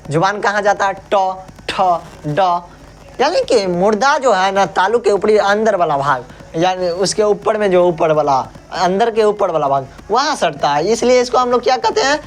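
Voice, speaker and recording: A male teacher giving an exam-prep grammar lesson, saying sounds aloud and asking and answering his own questions. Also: high-pitched.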